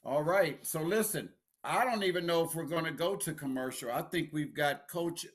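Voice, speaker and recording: Male sports talk host, slightly high voice, excitable, stammers into repeats, laughs a lot. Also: moderate pace.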